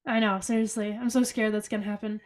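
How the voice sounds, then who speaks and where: Her mid-range voice is level in tone and quick in pace as she co-hosts a laid-back podcast over a video call from her bedroom. She has a cold that leaves her stuffy and congested, yet she stays upbeat and talkative, using lots of fillers.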